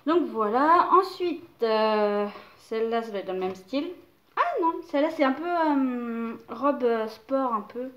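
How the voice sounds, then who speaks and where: A woman's voice: fairly high pitch, fairly bright tone. A young woman casually chatting about clothes to camera, hesitant and full of fillers. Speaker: mother showing baby clothes haul.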